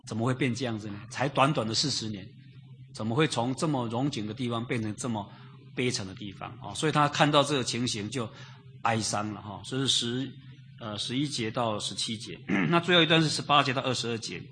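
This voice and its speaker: Chatty male preacher, mid-pitched. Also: pushed and bright, slight background noise. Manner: conversational, repetitive, many drawn-out fillers and rhetorical questions. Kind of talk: expository Bible sermon.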